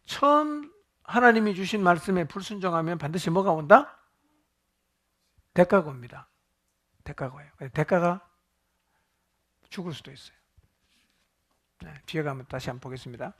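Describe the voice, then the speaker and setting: A man's voice: fairly high pitch, fairly bright tone. A male pastor teaching a Bible study sermon, asking the congregation questions and joking with them.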